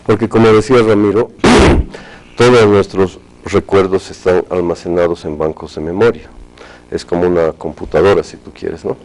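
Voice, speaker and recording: A man speaking as a hypnotherapy guest on a talk show, explaining in a measured, clinical way with technical terms. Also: sits low, a little mellow, rough recording.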